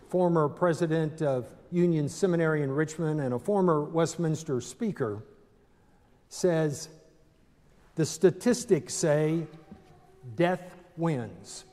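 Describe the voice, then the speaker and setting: Older pastor preaching slowly in a church. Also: male voice, a little high, animated, a little mellow. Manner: measured, deliberate preaching with dramatic pauses. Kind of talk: sermon. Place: large stone church sanctuary, at a pulpit. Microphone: pulpit microphone, far camera. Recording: long church reverb.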